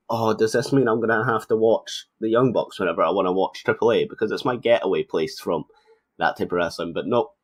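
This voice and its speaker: Male co-host, low register, conversational and analytical, informal wrestling talk. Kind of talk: casual wrestling commentary chat.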